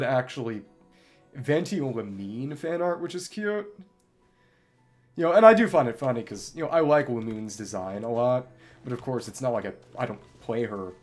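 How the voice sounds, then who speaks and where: This man is a game streamer making relaxed, rambling conversation on his livestream as he plays. He's wordy and reflective and often stumbles while searching for words. His voice is medium-pitched with a darkish tone, and game music plays in the background.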